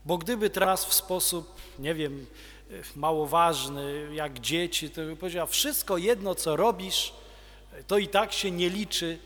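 A man preaching a homily as a priest, slow and measured with pauses. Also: a little high, fairly bright tone. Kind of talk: sermon. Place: church. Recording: long church reverb.

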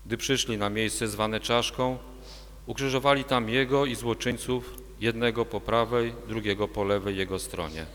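A man narrating the Passion as a liturgical reading, steady and measured. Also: on the low side, a little hiss or hum. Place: church. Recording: long church reverb.

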